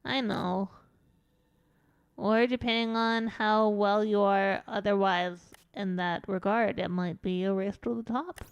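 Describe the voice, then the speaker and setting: A woman's voice: mid-range voice, steady tone, takes it slowly, smooth, dry recording, highs cut off. A woman streaming a game as a VTuber, rambling through a casual story and swearing now and then. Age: adult.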